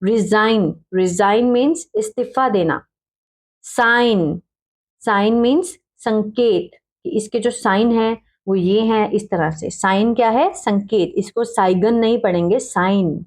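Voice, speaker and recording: A woman teaching English spelling slowly, spelling out letters one by one and repeating each word with frequent check-ins. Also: mid-range voice, a little mellow. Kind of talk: slow step-by-step spelling lesson.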